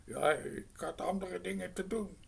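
A man's voice: high-pitched, fairly even intonation, measured pace, vocal fry, fairly bright tone, slightly rough, voice pushed up, exaggerated voice. A man voicing a hungry, talkative male crow who rambles and hesitates, in a storybook reading. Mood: musing.

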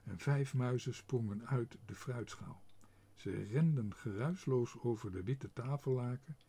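A man's voice: medium pitch, slightly rough. Een man met een hese stem die langzaam en expressief een kinderboek voorleest. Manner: slow and expressive. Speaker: reader. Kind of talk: reading a children's book aloud.

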